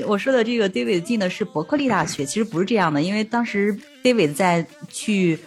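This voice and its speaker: Speaking fairly quickly in an expressive, medium-pitched voice, a young woman from China hosts a language-learning podcast. She switches between Chinese and English with a Chinese accent, staying friendly and filling her talk with mm-hmms.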